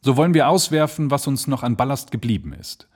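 A man's voice: mid-range voice, animated, a little fast, a little mellow, husky, pitched above the performer's own voice. A man voicing a male balloonist who gives urgent commands in a raised voice. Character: male balloonist, desperate but resolute.

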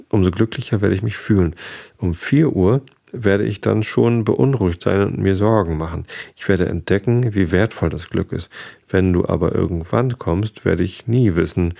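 A man voicing a wise, patient male fox in a storybook reading, calm and earnest. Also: low-pitched, vocal fry.

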